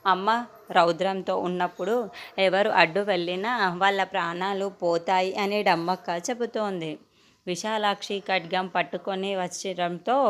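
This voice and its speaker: A woman narrating a TV serial episode recap, retelling the scenes step by step and voicing the characters' lines as she goes. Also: lowish voice.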